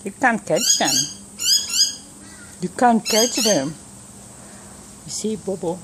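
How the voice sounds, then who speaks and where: A woman's voice: mid-range voice, lively intonation, slow. A woman filming her cat in the back yard, talking to it fondly and cooing at it in a casual way. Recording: loud outdoor background noise.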